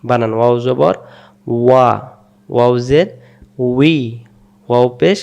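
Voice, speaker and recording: A man teaching Quranic Arabic letter pronunciation, repeating syllables slowly and patiently so learners can echo them. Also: mid-range voice, creaky, darkish tone, dull audio.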